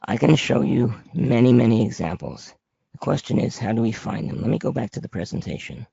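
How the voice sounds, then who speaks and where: A man with a raspy, papery, hoarse voice presenting an informal slide lesson as an instructor, plain-spoken and conversational. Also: mid-range voice, expressive, a little fast, warm tone, no echo. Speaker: trading instructor presenting a webinar. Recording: dry, muffled lo-fi audio.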